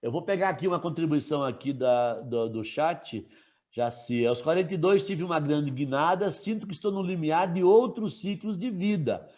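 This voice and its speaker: A man teaching a live online class, relaxed and chatty, asking students questions and joking with them. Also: a little high, normal speed.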